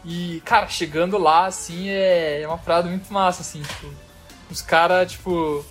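A man's voice: high voice, steady tone, normal speed, soft background music. A man with a Brazilian Portuguese accent telling a travel story in casual chat, loose and slangy, full of fillers.

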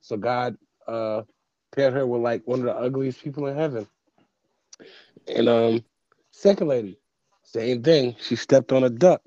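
A man co-hosting a podcast, telling jokes in casual chat with many pauses and fillers. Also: mid-range voice, warm tone, dry recording, lo-fi sound. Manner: rambling storyteller with fillers. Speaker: podcast co-host.

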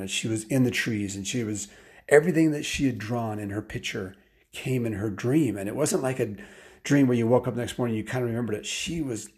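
A man spins a story aloud in a relaxed, unscripted way. He backtracks and restarts often, with an everyday middle pitch, and he gets more animated when the story builds. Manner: casual and rambling, with many restarts and fillers. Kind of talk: improvised bedtime-style story told aloud.

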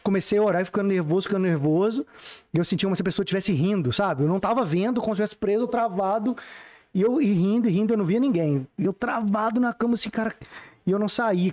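A man's voice: high voice, darkish tone. A man co-hosting a podcast, telling a personal story in casual chat and repeating phrases for emphasis. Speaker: podcast co-host. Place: podcast studio.

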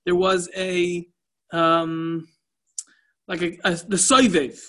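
Bright-voiced man teaching a Talmud class. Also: high voice, flat delivery, takes it slowly. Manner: conversational, restarts, mixes in Yiddish and Hebrew terms.

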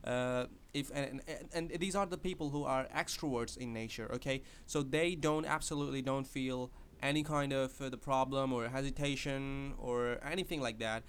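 Speaking English as a second language, a man hosts a podcast and offers advice in a casual monologue, hesitating often with fillers and restarts. His medium pitch carries fairly even intonation at normal speed with few pauses, and there's a little hiss or hum.

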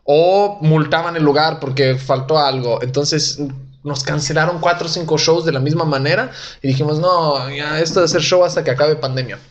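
A man's voice: on the high side, moderate pace, a little hiss or hum. An Italian-born man in his young adult years, a comedian telling jokes and rambling stories in a casual interview. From Italy. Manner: joking, self-deprecating, rambling. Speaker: comedian guest.

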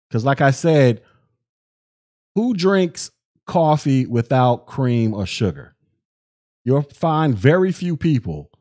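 Alone on his podcast, a young host talks in a mid-range voice, riffing with lots of slang and lively energy while restarting sentences and doubling up on words.

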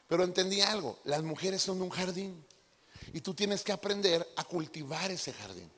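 Un hombre predicando un sermón animado a su congregación, con humor y preguntas directas al público. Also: male voice, sits high, lively intonation, moderate pace, a bit bright, long reverb tail. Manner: playful, addresses the congregation directly. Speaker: pastor. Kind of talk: lively sermon with acted-out impressions. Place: church hall.

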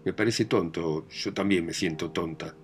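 At a moderate pace and low pitch, a man with a Rioplatense Spanish accent reads the role of a domineering aging mother in a play, bossy and doting, scolding, proud, and meddling with her grown family. There's a little hiss or hum on the recording.

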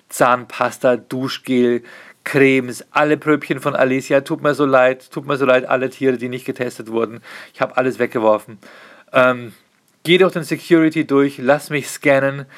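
Man, comedian, animated storyteller with a mid-range voice who curses casually. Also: mid-range voice. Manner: animated, swears casually, jumps into quoted dialogue. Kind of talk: casual comic anecdote.

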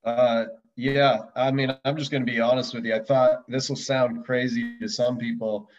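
A former relief pitcher reminisces casually as an interview guest, speaking at normal speed with a medium-pitched voice and a flat delivery. The audio is dull and lo-fi, and he sounds distant from the mic.

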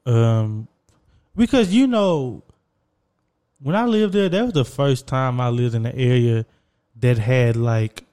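A man's voice: mid-range voice, lively intonation, slow pace, long pauses, warm tone, clean tone. An American man co-hosting a podcast, chatting casually in a slangy, conversational way. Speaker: podcast co-host. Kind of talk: casual chat.

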